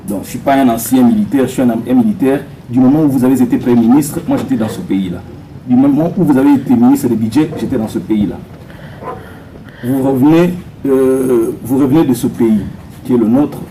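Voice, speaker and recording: A man's voice: medium pitch, a little fast, warm tone, slight background noise, rough recording. A man from Congo, a soldier, putting pointed, insistent questions to a politician at a public meeting. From Democratic Republic of the Congo.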